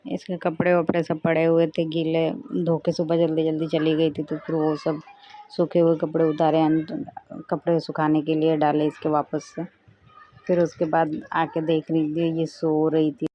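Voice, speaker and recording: Young woman, flat lo-fi chatty narration. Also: low voice, moderate pace. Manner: chatty, relaxed, conversational. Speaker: vlogger. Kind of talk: casual vlog voice-over.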